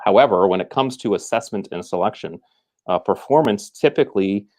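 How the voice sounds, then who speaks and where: Lower voiced guy, guest on a chat, explains stuff slow with lots of restarts. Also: expressive, darkish tone. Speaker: guest, former military trainer. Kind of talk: conversational explaining.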